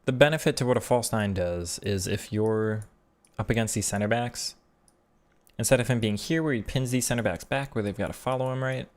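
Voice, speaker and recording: Speaking fairly quickly at a fairly low pitch, a man streaming a football video game reads and replies to chat casually, restarting often as he thinks aloud during his live-stream commentary.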